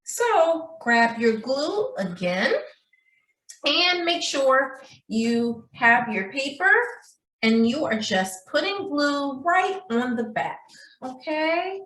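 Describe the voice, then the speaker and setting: This preschool teacher's voice is high, expressive, slow-paced and a bit bright as she shows little ones a craft in a lilting tone, treating them as friends and often asking if they're following. The distant mic picks up a roomy echo.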